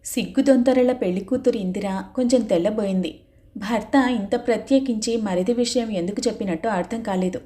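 A woman narrating a novel in a steady, even storytelling manner. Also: medium pitch, a little fast. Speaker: audiobook narrator.

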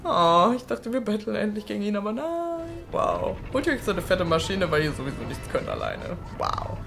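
A young woman hosting a let's play, chatting excitably with frequent swearing and sudden shrieks. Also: mid-range voice, a little fast, vocal fry. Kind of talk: casual gameplay commentary. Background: faint game music.

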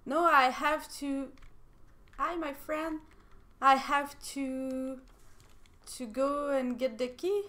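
Excitable French-accented woman gamer. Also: sits high, slow pace, long pauses. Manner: excitable, laughs often, bursts into squeals and shouts. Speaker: game streamer. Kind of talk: casual gameplay commentary.

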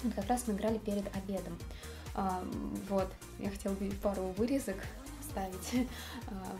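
A woman's voice: medium pitch, normal speed. A young woman hosting a vlog, telling stories casually to the camera in a living room. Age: young adult. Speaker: vlog host. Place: furnished living room, indoors. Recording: music behind the voice.

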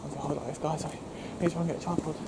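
A young British man vlogs while walking through woods at night, chatting casually to viewers in a nervous, jumpy manner. His voice is on the high side, level in tone, and very fast. The handheld camera microphone produces a noisy outdoor recording.

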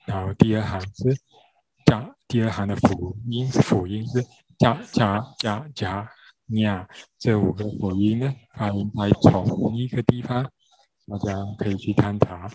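A man interpreting a grammar lesson, spelling out syllables one by one with frequent pauses. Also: lowish voice, steady tone, mellow, husky, no echo, low-quality recording. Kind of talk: slow spoken lesson.

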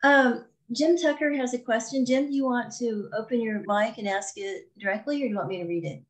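A woman's voice: fairly high pitch, a little fast, low-quality recording. A woman moderating a webinar over video call, reading out questions and announcements.

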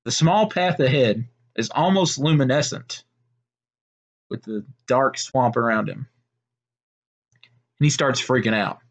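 A man narrating a made-up story in a steady, unhurried way, with small slips and restarts. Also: mid-range voice, slightly rough.

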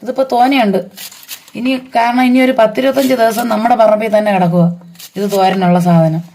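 Hoarse homely woman cooking. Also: mid-range voice, steady tone, brisk, dark tone. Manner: chatty, homely explaining while working. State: hoarse from a blocked throat. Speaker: home cooking vlogger. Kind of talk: casual cooking vlog. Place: home garden and old dim kitchen.

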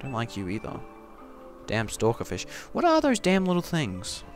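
A man giving goofy, casual gameplay commentary, talking to the game and breaking into sudden loud yelps. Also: mid-range voice, wildly swooping pitch, normal speed. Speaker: gaming commentator. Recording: game music behind the voice.

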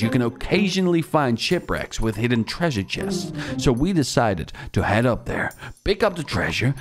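A man narrating his own gameplay video with playful, animated storytelling and the odd swear. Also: mid-range voice. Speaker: gaming video creator. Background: background music.

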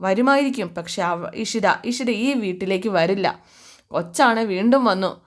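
A woman voicing a remorseful young husband who speaks gently and reasons things out. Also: medium pitch, unhurried, natural voice.

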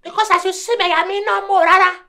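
A man acting a stern Nigerian prophet who gives slow, commanding orders and threatens curses in a gospel comedy drama. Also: very high-pitched, steady tone, sharp tone, heavily acted. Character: stern male prophet demanding obedience.

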